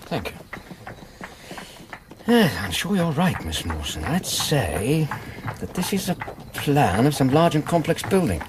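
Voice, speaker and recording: An actor playing an earnest, romantic doctor in a radio drama, musing and courteous. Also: male voice, fairly high pitch, sing-song, unhurried, pauses often. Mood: curious, puzzled. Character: thoughtful, earnest, romantic English doctor companion. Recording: noisy radio drama ambience.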